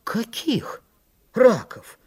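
A man's voice: very high voice, lively intonation, slow pace, voice pushed up, full character voice. A man reading a storybook voices a whiny, frightened little boy with a wailing, trembling voice. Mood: indignant wail.

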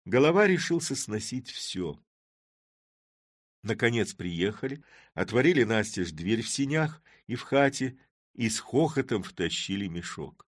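Male audiobook narrator, low and highly animated, dry close sound; dramatic storytelling. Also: measured pace, no echo. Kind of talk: expressive audiobook reading of classic prose.

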